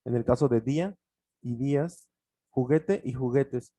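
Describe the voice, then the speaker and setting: A native Spanish-speaking man gives an online English grammar lesson in a mellow, relaxed voice. He explains each rule step by step, repeats the example words, and fills pauses with small hesitations. The sound is dry and close. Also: medium pitch, slightly rough, no room sound. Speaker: English teacher.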